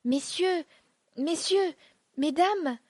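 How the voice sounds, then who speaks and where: A woman's voice: extremely high pitch, slow, dry recording, clean studio sound, voice pushed up. A woman reading aloud, voicing a flustered middle-aged male notary who pleads in agitation. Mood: pleading.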